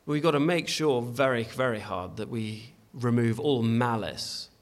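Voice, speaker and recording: A man's voice: medium pitch, unhurried. A man preaching a sermon in a church, earnest and emphatic, often restarting his phrases as he exhorts the congregation.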